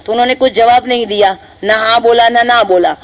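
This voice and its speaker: A woman with a high voice tells a legend to children. She is lively and keeps stopping to ask her young listeners questions to keep them following. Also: fairly quick, poor audio. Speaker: children's storyteller. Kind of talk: storytelling for children.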